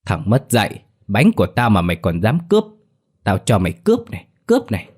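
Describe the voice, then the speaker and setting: A man doing a gruff, boastful old villager. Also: fairly low pitch, lightly acted. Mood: furious. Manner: gruff, cursing, slow drawl.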